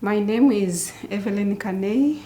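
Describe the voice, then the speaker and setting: A woman's voice: medium pitch, mellow. A woman from southern Tanzania representing her Maasai community, speaking earnestly in a documentary interview. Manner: earnest, with hesitant pauses. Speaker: Maasai delegation member.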